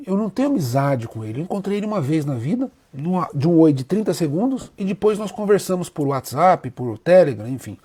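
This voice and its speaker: A man's voice: on the high side, dark tone. A man with a Brazilian Portuguese accent, an Umbanda priest and teacher, giving an emotional, heartfelt live talk to his viewers. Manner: emotional, openly moved, speaks with feeling.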